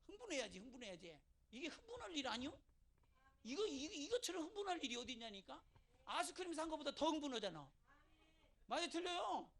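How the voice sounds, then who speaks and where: A male pastor from South Chungcheong preaching a sermon in a church, swinging between quiet asides and shouted exclamations. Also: very high voice, big pitch swings, brisk, pauses often. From South Chungcheong, Korea. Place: church sanctuary.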